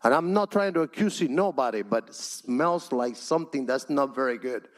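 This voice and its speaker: A man's voice: medium pitch, animated, moderate pace. A Spanish-speaking man from Cuba with a Cuban Spanish accent gives an impassioned, pleading public comment at a city council meeting, repeating his points. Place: council chamber.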